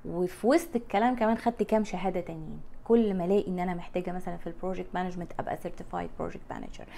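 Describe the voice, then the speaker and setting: A woman's voice: on the low side, steady tone, racing, vocal fry, dark tone, slight background noise. Frank Egyptian woman talking to camera. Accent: Egyptian Arabic. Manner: frank, blunt, gestures with her hands. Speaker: life coach vlogger. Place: bright room by a window. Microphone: lapel mic.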